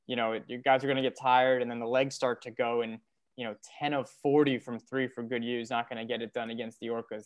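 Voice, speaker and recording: A young adult man with a clean, mid-range voice hosts a casual sports recap show, steering the talk among guests. He joins the video call from a dim living room using an earbud headset.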